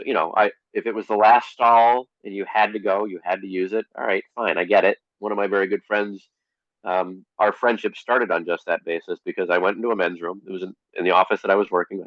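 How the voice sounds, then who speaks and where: A man speaking as an interview guest in a relaxed, conversational way, with a dry, deadpan humor. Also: deep voice, brisk, dry recording, muffled recording. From Connecticut, USA.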